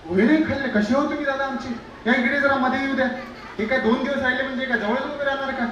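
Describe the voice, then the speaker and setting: High-voiced man hosting a lively event. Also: fast. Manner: energetic, urges the crowd to clap and cheer. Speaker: event anchor at a pre-wedding sangeet. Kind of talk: lively crowd hosting, teasing the couple. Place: celebration venue with a crowd. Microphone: handheld microphone through the house speakers. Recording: echoey venue sound, distant mic, crowd noise.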